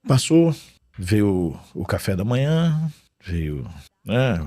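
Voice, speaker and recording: A man giving an emotional faith testimony in a studio, earnest, swinging between loud bursts and hushed low tones. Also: big pitch swings, slow, no room sound.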